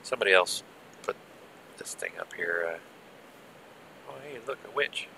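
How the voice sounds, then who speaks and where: A man giving casual, rambling live gameplay commentary with muttered asides, heard through low-quality stream audio from an old headset. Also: animated, moderate pace, creaky, noisy background. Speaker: game server streamer.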